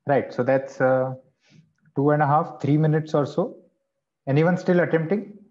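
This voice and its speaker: A man's voice: a little high, darkish tone. A male teacher leading an online class, explaining word meanings step by step and checking in with the students. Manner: explains slowly, checks in with "okay" and "right". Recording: dull lo-fi online class audio.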